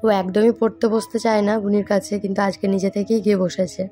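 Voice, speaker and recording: A woman's voice: medium pitch, little pitch movement, brisk, dark tone, soft background music. A young woman, a vlogger and mother, chatting to her viewers in casual voice-over narration. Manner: chatty, talks straight to viewers.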